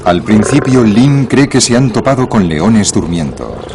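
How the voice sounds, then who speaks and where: A man's voice: on the low side, very animated, a little slow, background noise. A man reading scripted narration for a nature documentary. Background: music bed.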